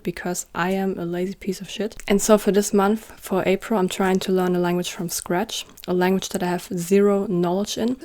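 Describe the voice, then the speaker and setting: A young YouTuber from northern Germany, a native German speaker, chats casually to camera in her vlog, peppering her talk with "like" and poking fun at herself. Her voice sits in the mid range with a darkish tone.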